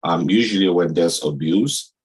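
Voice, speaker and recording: Very deep, husky man explaining firmly. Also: moderate pace, darkish tone, low-quality recording. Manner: firm, explanatory, counseling tone. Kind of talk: casual talk-show discussion.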